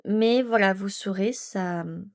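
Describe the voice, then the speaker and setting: Woman, coloring vlogger, chatty and enthusiastic, slow relaxed delivery. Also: medium pitch. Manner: chatty, enthusiastic, many fillers and restarts. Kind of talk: casual show-and-tell chat.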